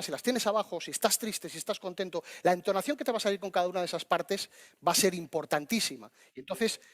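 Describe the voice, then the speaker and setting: Lively high-voiced lecturer, reverberant hall. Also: male voice. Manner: lively, addresses audience directly with many restarts. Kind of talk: public speaking lecture.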